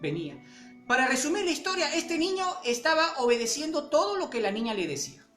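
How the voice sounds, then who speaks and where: A woman preaching a sermon and telling a story, talking conversationally with many fillers and pauses. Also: high-pitched, big pitch swings, fairly bright tone, faint music behind. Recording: echoey room.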